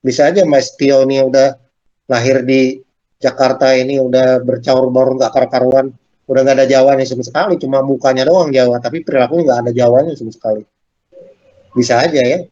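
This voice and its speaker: A man lectures a class in a relaxed, talkative way, asking questions and speaking straight to his students. His voice sits at a middle pitch. The recording is dull and slightly lo-fi. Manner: conversational, asks questions and addresses students directly. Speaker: university lecturer.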